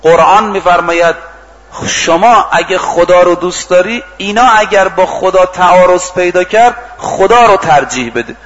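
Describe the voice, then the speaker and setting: A man's voice: high-pitched, a bit bright, big-room sound. A man preaching in a storytelling way, acting out dialogue and reciting scripture and verse. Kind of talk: storytelling sermon. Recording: dull lo-fi recording.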